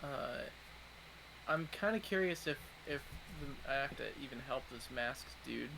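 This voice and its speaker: A man's voice: mid-range voice, a little slow, vocal fry. A man playing a tabletop game, hesitant and full of ums and restarts. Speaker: player. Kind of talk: casual tabletop game chat. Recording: noisy recording.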